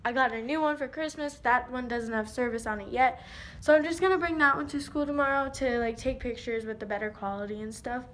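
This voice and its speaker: High-voiced chatty teenage girl vlogging. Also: brisk, fairly bright tone. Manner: rambling, chatty and self-mocking. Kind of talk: casual vlog chat. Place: at home indoors. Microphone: phone held at arm's length.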